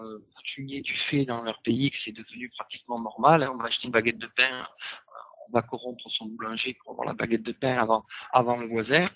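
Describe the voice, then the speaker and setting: A man's voice: mid-range voice, no room sound. A man calling in as a guest on a football debate show, telling an anecdote with exclamations and repeated phrases for emphasis. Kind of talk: animated debate storytelling. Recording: tinny dry phone line.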